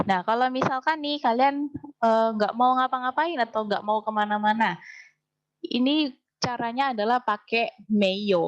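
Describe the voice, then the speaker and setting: A woman teaching a language class. She explains things patiently, slows right down to drill phrases, and keeps quizzing her students. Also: medium pitch, lo-fi sound. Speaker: Mandarin teacher.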